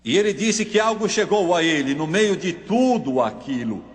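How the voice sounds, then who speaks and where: A man preaching a dramatic sermon, telling a story in a slow, solemn, emphatic way. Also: high voice, very animated, long reverb tail.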